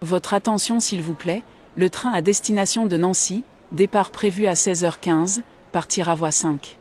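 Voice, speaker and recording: A woman's voice: lowish voice, darkish tone. Woman announcing over a PA system. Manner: formal, measured announcing. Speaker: train station announcer. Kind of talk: scripted public announcement.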